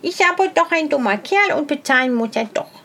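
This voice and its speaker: A woman voicing a crafty, stubborn male hedgehog who talks in a brisk, self-assured way in a storybook reading. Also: high-pitched, expressive, fairly bright tone. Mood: bossy.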